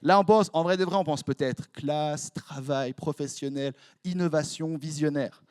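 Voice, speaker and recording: A young youth pastor with a Swiss French accent preaches to his congregation, tossing out jokes and playful asides as he quizzes them. His voice sits a little high for a man. The sound is close and dry, with almost no room echo. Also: a little mellow, clean tone. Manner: playful, jokey, quick asides to the crowd. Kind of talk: lively sermon with audience interaction. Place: church hall before a congregation.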